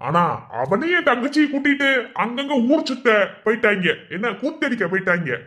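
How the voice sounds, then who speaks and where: A man's voice: very high-pitched, expressive, normal speed, sharp tone, exaggerated voice. A man voicing a menacing Madurai village bully. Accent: Madurai Tamil. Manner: taunting, threatening, rural slang. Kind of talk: animated cartoon voice acting.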